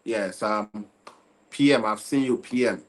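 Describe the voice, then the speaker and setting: On his own livestream about football, a young man with a fairly low voice speaks into a desk mic in casual chat. He comes across as tired, relaxed and unhurried, repeating himself and often checking that viewers can hear him.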